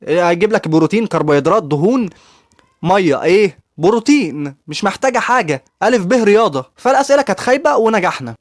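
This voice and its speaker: A man's voice: on the high side, no room sound, clean studio sound. A young man with an Egyptian accent telling his own story in a casual, chatty vlog, talking straight to his viewers. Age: young adult. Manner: rapid, chatty, addresses viewers directly. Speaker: YouTuber giving student advice.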